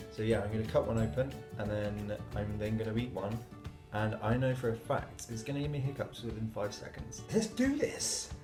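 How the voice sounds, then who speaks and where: A young adult man talking casually to camera as a YouTuber, recorded in a small room at arm's length. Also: lowish voice. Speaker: YouTuber doing a challenge. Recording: roomy echo, music behind.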